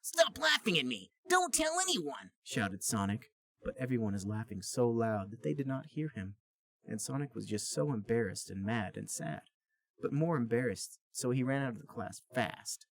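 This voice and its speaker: Reading a story on his comedy podcast, the host narrates in a plain, storybook way for comic effect. He speaks at normal speed in a mid-range voice that's creaky and a little mellow.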